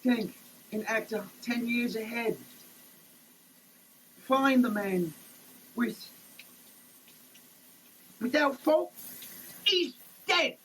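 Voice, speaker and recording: Being drenched in a shower, a performer reads label text as a comic dramatic piece, swinging from theatrical declamation to muttered asides while choking, coughing, and gasping. The mid-range voice is expressive and a bit bright, moving very slowly with long pauses, and the noisy indoor recording is full of running water.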